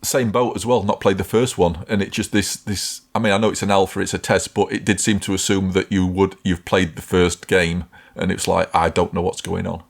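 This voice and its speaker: A man's voice: sits low, little pitch movement, fairly quick, creaky, hardly any pauses. A man co-hosting a podcast in casual chat, rambling and emphatic, often correcting himself as he talks. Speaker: podcast co-host.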